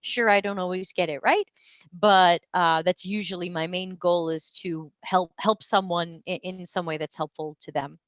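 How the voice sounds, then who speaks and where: A woman's voice: fairly low pitch, steady tone, normal speed, no echo. A woman in her forties telling her career story in a casual live-stream monologue, chatty and self-deprecating, with many ums and uhs. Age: 40s.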